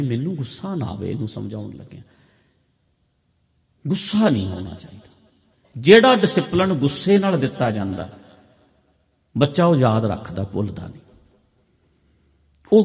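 Man preaching in a reverberant hall. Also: a little high. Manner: repetitive, emphatic phrasing with big swings in loudness. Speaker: speaker at a meditation camp. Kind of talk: sermon-style talk to a camp audience. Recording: long hall reverb, dull lo-fi sound.

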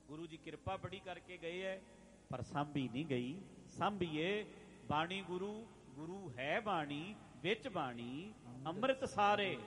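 A man preaching a religious sermon, addressing listeners directly, repeating phrases and chanting scripture lines slowly. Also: high voice, fairly bright tone. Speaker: Sikh preacher.

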